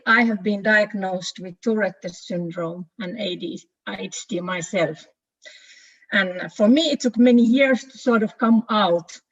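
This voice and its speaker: A woman's voice: medium pitch, highs cut off. A woman from Finland, giving an earnest, personal presentation as a project manager in an online meeting.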